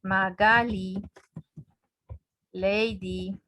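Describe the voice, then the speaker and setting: A woman English teacher giving an online class, explaining slowly and patiently and often checking that students follow. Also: mid-range voice, steady tone, sharp tone, dry recording. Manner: patient, repetitive explaining with frequent check-ins. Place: home office on a web conference.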